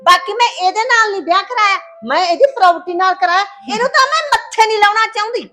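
Woman acting as nasty greedy stepmom, really high bright voice, all taunts and jabs. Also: fast. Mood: scornful. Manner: taunting, quarrelsome. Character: scheming greedy stepmother, sharp-tongued and scornful. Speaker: actor in a short film. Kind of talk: village family drama acting.

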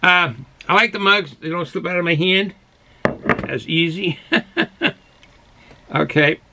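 Filming in a small, cluttered hobby room indoors, a beer reviewer in his sixties from Boston talks casually and wanders off topic a little in his thick Boston accent. His voice sits high and moves at a measured pace, with noise in the background.

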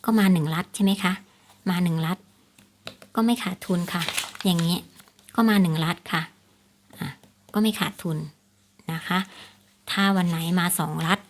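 A woman runs a casual lottery tips vlog, explaining things to viewers, repeating her points, and often seeking agreement with polite particles. Her voice is fairly low and moderately paced, with long pauses and slight background noise.

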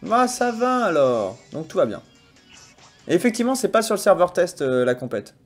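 Faint music sits behind a young man whose voice pitches high at a moderate pace, his accent from the Sarthe. He is streaming a game from a small home room, chatting casually to viewers on a headset mic. He rants in mock outrage, laughs often and breaks into loud excitement.

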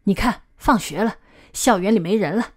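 A woman's voice: medium pitch, normal speed, a little mellow, natural voice. A woman voicing a friendly, easygoing adult man in an audiobook, talking in a reassuring way.

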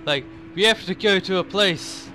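A man's voice: high voice, moderate pace, sharp tone, slight background noise. A man casually commenting on his gameplay, often laughing and making mock-exasperated asides. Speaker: let's play gamer.

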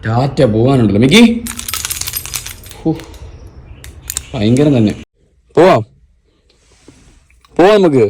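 A man's voice: mid-range voice, animated, slow pace, long pauses, darkish tone, a little hiss or hum. A man vlogging casually, teasing and chatting to his pet dog.

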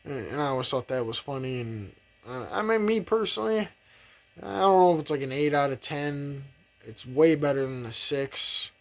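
Rambling, profane young man reviewing a film. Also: medium pitch. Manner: rambling, profane, heavy use of fillers; laughs often while talking. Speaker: movie reviewer. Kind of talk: casual movie review.

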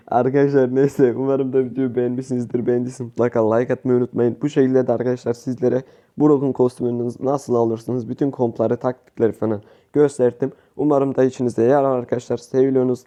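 A man giving casual, excitable gameplay commentary as a gaming YouTuber, slangy and quick to plead with or curse at his teammates. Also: mid-range voice, dull audio. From Turkey.

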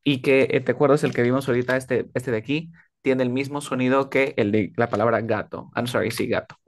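Guy teaching english on a video call, patient, says words over and over slowly. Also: mid-range voice, fairly even intonation. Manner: patient, repeats words slowly to model pronunciation. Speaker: English tutor. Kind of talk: one-on-one online English lesson.

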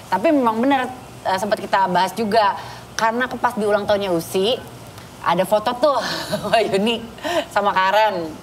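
A woman's voice: medium pitch, moderate pace, a little hiss or hum. A young woman co-hosting a TV talk show, asking friendly questions on the studio set. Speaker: co-host. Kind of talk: casual talk show chat.

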